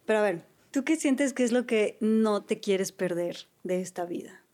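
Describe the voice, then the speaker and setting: A woman's voice: medium pitch, animated, normal speed, darkish tone. Probing woman interviewer. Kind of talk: conversational interview.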